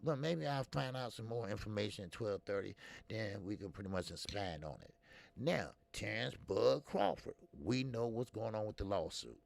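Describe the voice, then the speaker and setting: A man's voice: on the low side, lively intonation, normal speed, creaky, dry recording. A man in his fifties hosting a casual boxing talk stream, blunt and talkative, answering viewers' comments as he goes. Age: 50s. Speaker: boxing show host.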